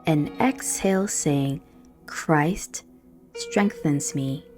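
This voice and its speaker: Over quiet guitar accompaniment, a woman with a deep voice guides listeners through a prayerful meditation. Her delivery is soothing and very slow, and she leaves deliberate gaps between each phrase.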